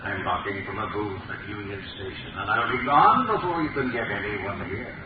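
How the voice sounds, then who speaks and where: A man's voice: fairly low pitch, lively intonation, brisk, highs cut off, close to an everyday voice. A man acting a mysterious, taunting crime-fighting phantom in a 1930s radio drama, suave and theatrical. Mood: taunting, sly. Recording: scratchy 1930s radio, distant, echoey, very noisy.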